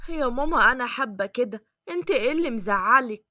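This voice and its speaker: A woman's voice: fairly high pitch, animated, fast, sharp tone, dry recording, clean studio sound. A woman voicing a stubborn, sulky young woman with an Egyptian accent in a cartoon story. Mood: defiant. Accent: Egyptian Arabic. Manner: sulky, talks back.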